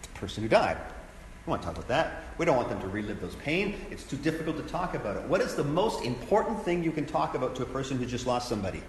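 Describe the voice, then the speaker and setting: A man's voice: medium pitch, sing-song, quick pace. A man, a pastor, teaching a sermon in an earnest, conversational way, repeating his key phrases. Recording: echoey hall with faint background noise.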